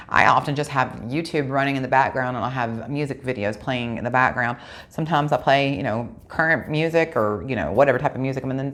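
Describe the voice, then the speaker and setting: Woman tarot reader, low gravelly voice, chatty and direct with viewers, casual. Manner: chatty, talks straight to viewers, corrects herself aloud.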